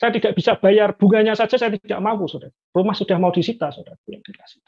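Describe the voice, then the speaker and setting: Gravelly man giving earnest testimony. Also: high-pitched, steady tone, quick pace. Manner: earnest, often addresses listeners as brothers and sisters. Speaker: church testimony speaker. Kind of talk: personal faith testimony to a congregation. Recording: dull lo-fi recording.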